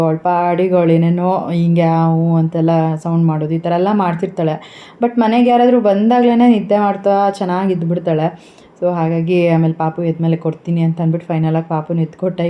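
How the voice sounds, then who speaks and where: A young woman, calmly giving advice to her viewers in a casual home vlog. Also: fairly low pitch, lo-fi sound. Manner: calm, gently advising. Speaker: vlogger. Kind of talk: casual vlog talk to camera.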